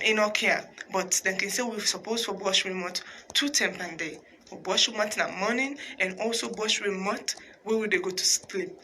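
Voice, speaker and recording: A woman's voice: mid-range voice, bright, forceful tone, a little hiss or hum. A woman radio host with a Sierra Leonean Krio accent, presenting conversationally in Creole mixed with English. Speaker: radio talk show host.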